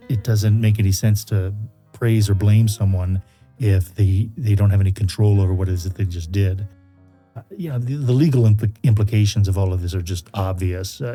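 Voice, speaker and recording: A man giving a scripted lecture with casual asides, speaking deliberately and citing his sources formally. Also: lowish voice, warm tone. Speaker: philosophy lecturer presenting a video. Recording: music under the voice.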